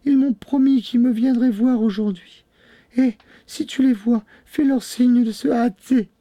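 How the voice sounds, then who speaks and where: Storybook figure: a terrified young wife put on by a man, high pleading falsetto, dry close sound. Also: fairly even intonation, a little slow, dark tone, no echo. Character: young, frightened, pleading noblewoman. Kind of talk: storybook reading.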